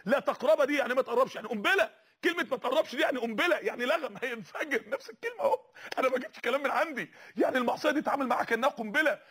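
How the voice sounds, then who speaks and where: High-voiced, fast Egyptian preacher, pleading. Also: male voice, animated, breathy edge. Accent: Egyptian Arabic. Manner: fervent, pleading, rising to shouts. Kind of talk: impassioned sermon.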